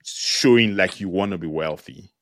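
A man hosting a conversational interview, reflective and thinking aloud as he talks. His voice sits fairly low, and the sound is dry and close. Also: normal speed, no echo. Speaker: podcast host.

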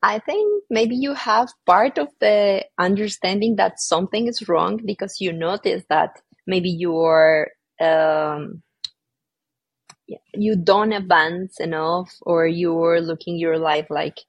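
Husky, gravelly woman explaining earnestly. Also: on the low side, takes it slowly, dry recording. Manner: earnest, explanatory, non-native phrasing. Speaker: guest. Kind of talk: conversational interview.

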